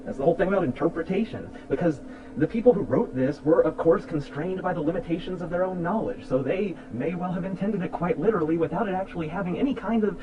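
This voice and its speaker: A man rebutting a critic in a heated video debate, sarcastic and heavy on profanity. His voice sits a little high and sounds set back from the microphone. The recording is muffled and lo-fi. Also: fast, far from the mic.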